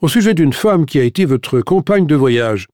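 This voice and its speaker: A man's voice: fairly high pitch, animated, normal speed, warm tone, dry recording, voice pushed up, natural voice. A man doing a pompous police commissioner. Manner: self-important, questioning. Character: pompous middle-aged male police commissioner. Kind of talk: audiobook character voice. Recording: dry studio recording.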